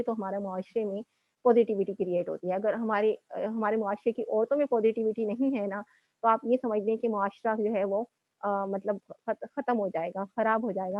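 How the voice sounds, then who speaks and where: A woman's voice: a little high, no echo, narrow, tinny audio. A woman motivational speaker lecturing young women in a conversational way, often checking in with "okay" and mixing in English words. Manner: conversational, repeats "ٹھیک ہے" and mixes in English words.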